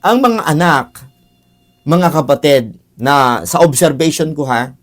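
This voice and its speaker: A man's voice: fairly high pitch, animated, slow. A man teaching a Bible lesson, earnest, calling his listeners brothers and sisters and repeating key phrases for emphasis. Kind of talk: Bible teaching on child discipline. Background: faint music.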